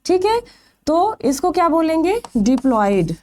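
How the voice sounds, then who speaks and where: Woman, biology teacher, lively high voice with a mellow tone, quizzes the class and answers herself. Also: measured pace, slight background noise. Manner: asks questions then answers them herself, stretching key terms. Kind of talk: exam-prep lecture.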